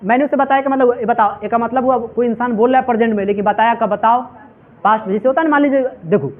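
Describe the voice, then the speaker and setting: High-voiced man teaching in call-and-response. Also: fast talker. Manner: repetitive call-and-response questioning; addresses students as "my children". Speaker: English teacher. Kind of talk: classroom lecture. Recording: tinny phone-like audio.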